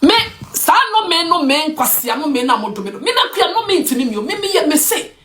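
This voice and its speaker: High, lively Ghanaian woman ranting. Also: quick pace, slight background noise. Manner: emphatic, mixes English with Twi. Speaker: online commentator. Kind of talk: passionate opinion rant.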